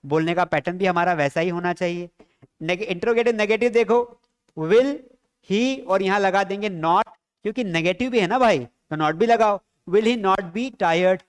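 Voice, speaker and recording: High, smooth-voiced man teaching English. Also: fairly even intonation, normal speed. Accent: Indian English. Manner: drills students with repeated questions. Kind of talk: classroom lesson.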